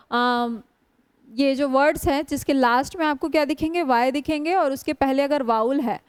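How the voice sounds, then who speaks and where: A woman teaching English grammar in a classroom lecture, drawing out English words slowly and often putting questions to her students. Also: sits high, no room sound. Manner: slow, drawn-out spelling of English words; frequent rhetorical questions to students.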